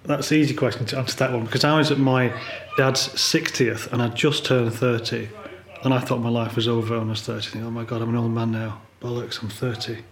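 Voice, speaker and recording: A man's voice: medium pitch, flat delivery, a little fast. Earnest man in his fifties. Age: 50s. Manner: candid, earnest, wry. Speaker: podcast guest, polar photographer. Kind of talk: reflective conversational chat. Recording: roomy echo.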